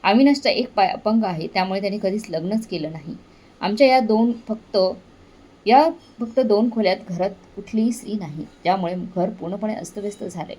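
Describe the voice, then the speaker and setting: A woman's voice: mid-range voice, fairly quick, a little mellow, natural voice. A woman voicing a kind, determined young man who speaks earnestly and reassuringly.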